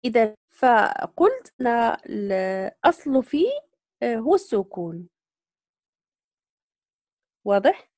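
A woman teaching Quran recitation, patiently explaining readings, slowly modeling words and checking that students follow. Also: fairly high pitch, big pitch swings, a little mellow, dry recording, studio quality. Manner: patient, repeats points and checks understanding. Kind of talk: online tajweed lesson.

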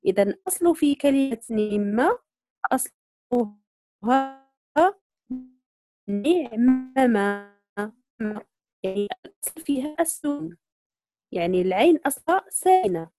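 A woman teaching Quran recitation, patiently explaining readings, slowly modeling words and checking that students follow. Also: high-pitched, mellow. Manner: patient, repeats points and checks understanding. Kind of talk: online tajweed lesson.

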